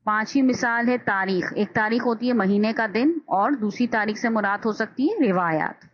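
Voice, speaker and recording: A woman at a middle pitch walks through a grammar lesson, patient and explanatory, pausing to check that listeners follow. She slips English words into her explanations. The recording sounds dull and lo-fi. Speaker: teacher.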